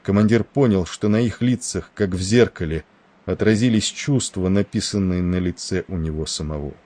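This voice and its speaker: Low-voiced man reading an audiobook. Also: normal speed, mellow. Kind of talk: audiobook narration.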